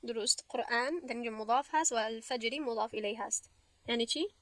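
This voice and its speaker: A woman teaching Arabic grammar, explaining patiently step by step and reciting verses slowly. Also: fairly high pitch, fairly bright tone, dry recording. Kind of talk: classroom lesson.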